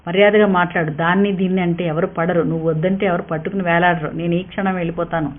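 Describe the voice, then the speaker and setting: A woman's voice: mid-range voice, fairly even intonation, fast, natural voice. A woman voicing a proud young working wife who argues in a heated, defiant way. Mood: angry. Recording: tinny narrow-band sound.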